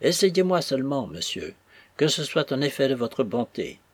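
A man with a husky voice voicing a timid, servile young knife-grinder who pleads and fades softly at the end of each phrase. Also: medium pitch, sing-song, moderate pace, dry recording. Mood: pleading, submissive.

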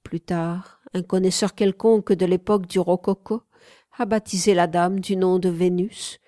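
Female audiobook narrator, calm and measured; low, warm tone, dry close recording. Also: no room sound. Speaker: audiobook reader.

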